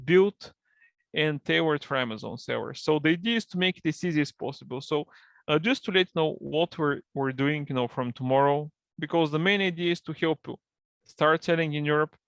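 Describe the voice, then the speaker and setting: Gravelly-voiced Bulgarian man explaining. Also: a little high, a little fast, dry recording. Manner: fluent non-native English, explanatory. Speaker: guest, partnership manager. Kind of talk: online interview.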